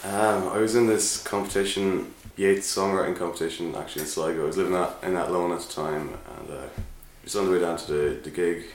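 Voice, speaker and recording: A man's voice: sits low, fairly even intonation, fairly quick, hardly any pauses. A man with an Irish accent from the midlands, answering casually as a musician being interviewed. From Longford, Irish midlands. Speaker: band founder being interviewed. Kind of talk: casual chat. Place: indoors on pub or venue premises. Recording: roomy echo, faint noise and clicks.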